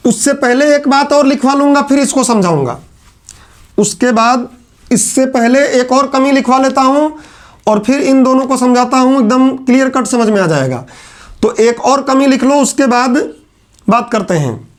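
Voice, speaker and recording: A male teacher, dictating lecture notes point by point and repeating each line for students to write. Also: very high voice. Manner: repetitive, dictates points slowly then explains in quick asides.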